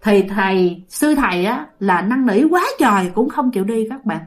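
A woman's voice: mid-range voice, lively intonation, normal speed. A woman telling ghost stories, chatty, with many fillers and often addressing the listeners. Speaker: storyteller. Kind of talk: ghost story narration.

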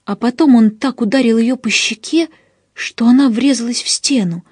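A woman narrating an audiobook in the first person, with an expressive storytelling delivery on a close mic. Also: a little high, moderate pace, breathy edge, no echo.

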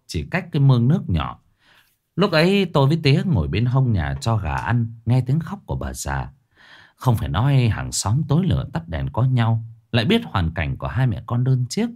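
A man narrating a ghost story dramatically. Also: medium pitch.

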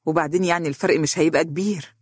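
An earnest young woman co-worker with an Egyptian accent, as the audiobook narrator voices her, quick and eager to calm things down. Dry, close sound. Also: medium pitch, slightly rough, no room sound, lightly acted. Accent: Egyptian Arabic.

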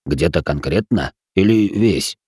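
A calm young dark mage asking measured questions like a doctor, voiced by a male audiobook reader. He speaks low and unhurried. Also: slightly rough, no echo, clean studio sound, exaggerated voice.

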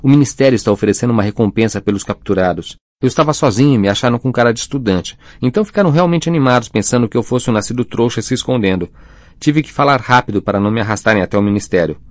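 A man's voice: mid-range voice, lively intonation, rapid-fire, no echo, studio quality, lightly acted. A man voicing a flustered teen boy wizard. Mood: defensive. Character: flustered teenage boy wizard, eager to make amends.

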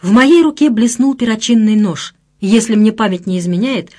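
A woman's voice: on the high side, lively intonation, moderate pace, darkish tone. Woman reading an audiobook, wry. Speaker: audiobook narrator. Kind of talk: first-person audiobook reading.

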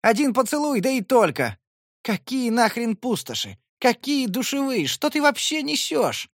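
A man voicing a defensive, quick-tempered young woman who shouts sharp retorts. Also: sits high, expressive, dry recording, studio quality, voice pushed up. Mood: outraged.

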